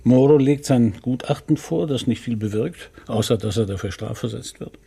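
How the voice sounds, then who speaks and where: A male radio-play actor with a mid-range, gravelly, husky voice portrays a calm, courteous middle-aged police commissioner. He speaks in a measured, probing way, with a reflective mood.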